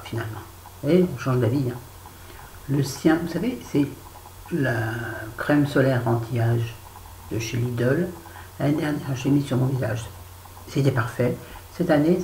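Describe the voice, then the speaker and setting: A beauty vlogger in middle age, she has a very deep voice with a darkish tone. She reviews her empty beauty products in a casual chat, playfully adopting a southern French accent. The room echoes and there is faint noise.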